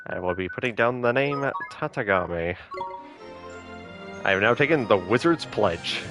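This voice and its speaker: A man's voice: mid-range voice, expressive, a little slow, music in the background. A man streaming a video game, chatting to viewers with rambling, self-conscious asides. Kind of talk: live game commentary.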